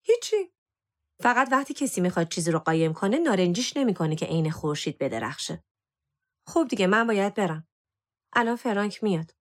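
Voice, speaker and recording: A woman's voice: medium pitch, sing-song, natural voice. A woman reading a storybook voices a blunt, teasing older sister.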